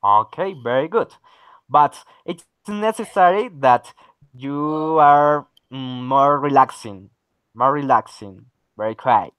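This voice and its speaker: A man, patient and encouraging, sprinkling okay and very good everywhere. His voice sits at an ordinary pitch, and it is recorded dry and close with no room sound. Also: takes it slowly, fairly bright tone, clean tone, no room sound, low-quality recording. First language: Spanish. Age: 30s. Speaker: English teacher. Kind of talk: online English lesson.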